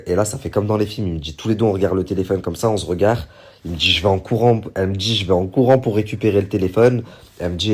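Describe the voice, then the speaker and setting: A man casually retelling a story to his viewers, rambling with many fillers and animated bursts when he quotes others. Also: low-pitched, slightly rough. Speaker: online commentator recounting a story.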